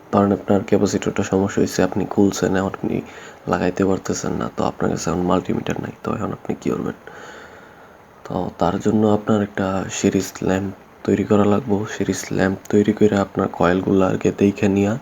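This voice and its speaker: Gravelly low-voiced man explaining. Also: flat delivery, brisk, a little mellow. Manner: plain, repetitive explaining with many fillers. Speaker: electrician instructor. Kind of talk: casual spoken tutorial. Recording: dull lo-fi audio with faint noise.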